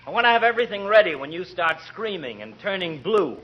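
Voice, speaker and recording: Bombastic middle-aged doctor, sarcastic and florid, fairly high voice, muffled old radio comedy. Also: male voice, sing-song, quick pace, bright, forceful tone, full character voice. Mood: dryly sarcastic. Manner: pompous, wordy, sarcastic. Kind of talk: 1940s radio comedy acting.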